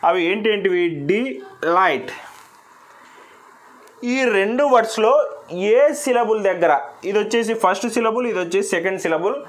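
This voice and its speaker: A man from Andhra Pradesh teaching an English lesson in a patient, step-by-step way, saying each example word slowly several times. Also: high-pitched. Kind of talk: recorded classroom lesson.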